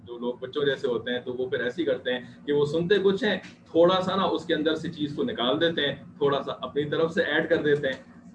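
A man teaching an online religious history class, explaining step by step and checking in with his students. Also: fairly high pitch. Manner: conversational, repeats checks with students. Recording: echoey muffled noisy room.

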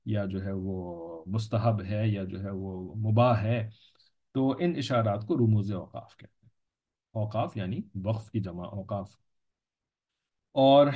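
Low gravelly-voiced man teaching a class. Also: dark tone. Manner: patient, repeats points, checks with listeners. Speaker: religious teacher. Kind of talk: explanatory lecture. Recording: dull lo-fi recording.

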